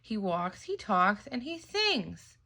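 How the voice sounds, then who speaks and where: A polite male fox shopkeeper from a picture book, as a woman reading aloud puts him on. The voice is slow and courteous, bright with a gravelly edge. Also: medium pitch, sing-song, exaggerated voice.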